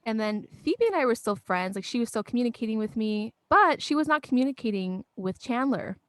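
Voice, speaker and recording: A young woman with a fairly high voice tells a story in an animated podcast chat. She acts out the lines of the people in her story. The sound is close and dry, with no room echo. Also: fairly quick. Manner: animated, acts out friends' quotes, laughs often. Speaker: podcast co-host.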